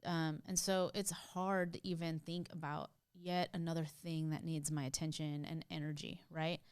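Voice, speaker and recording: A woman clinician co-hosting a parenting podcast, giving advice in an emphatic, lively way. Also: low voice, normal speed, clean tone, no room sound, clean studio sound. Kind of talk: casual conversational podcast chat.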